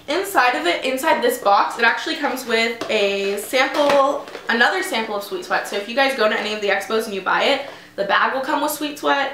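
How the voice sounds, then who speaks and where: A woman's voice: on the high side, bright, forceful tone, slight background noise. Chatty young woman in echoey room. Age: young adult. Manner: chatty, upbeat, frequent "like" and "um". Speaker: fitness vlogger. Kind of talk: casual haul video. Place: small indoor room, seated before a tapestry.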